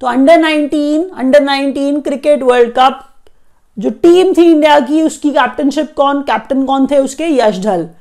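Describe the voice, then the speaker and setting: Lady coaching exam prep, kinda raspy fry voice, says stuff twice so you remember. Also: high-pitched, a little mellow. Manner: explains and repeats key facts for memorizing. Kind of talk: current affairs lesson.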